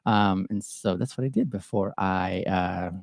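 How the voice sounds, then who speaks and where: A man from Ethiopia hosting a solo podcast, talking through a question in a thoughtful, halting way with pauses and fillers. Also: deep voice, gravelly, no room sound. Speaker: podcast host answering viewer questions. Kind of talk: reflective solo livestream talk.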